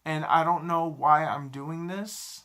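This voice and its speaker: A man in his thirties talking to a camera in a halting, self-critical confessional vlog, often repeating himself. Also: a little high, fairly even intonation, sharp tone, slight background noise. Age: 30s. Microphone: camera mic, talking to a camera.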